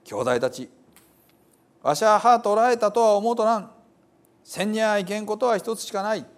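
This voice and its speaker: A man's voice: sits high, normal speed, pitched above the performer's own voice, lightly acted. A man reading the apostle Paul's letter aloud in Hiroshima dialect, earnest and emphatic. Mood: fervent. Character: the apostle Paul, zealous male preacher, fervent.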